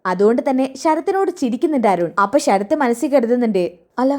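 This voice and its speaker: A woman retells a TV serial episode in a chatty way, tacking little tag words onto her lines. Her voice sits a bit high, and she takes on each part herself. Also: expressive, fast, darkish tone. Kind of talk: retelling a TV serial episode, voicing all parts.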